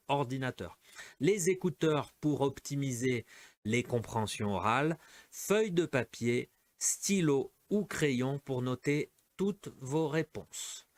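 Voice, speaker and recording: Slow-talking man teaching French. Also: medium pitch. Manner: slow, keeps checking in with "d'accord?" and "ok?". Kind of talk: online class.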